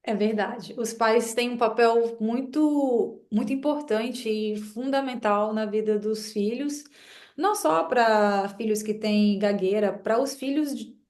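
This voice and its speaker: A woman's voice: fairly high pitch, slow pace, a little mellow. Young woman who stutters. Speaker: host and interviewer. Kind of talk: interview conversation.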